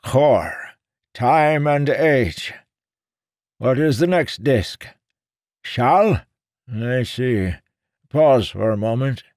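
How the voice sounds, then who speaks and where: Male narrator as a pompous old seer, pitched high and thin, snappish. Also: animated, extremely slow, long pauses, darkish tone, no room sound, clean studio sound. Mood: muttering, ominous. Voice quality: crotchety, huffy. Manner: raised, strained old voice.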